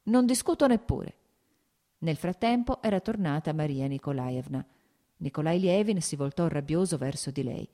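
A woman narrating a classic novel in steady, measured scripted narration. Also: low-pitched. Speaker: audiobook narrator.

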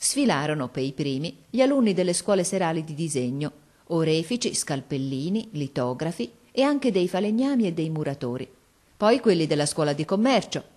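A woman reading a classic children's story aloud as narrator, in a measured, expressive way. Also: deep voice. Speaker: audiobook reader. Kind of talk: scripted narration.

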